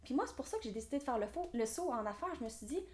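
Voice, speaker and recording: Speaking fast as a podcast guest, a Québécois French-accented real estate developer in her twenties sounds enthusiastic and motivational. Her voice runs high with lively intonation and a darkish tone.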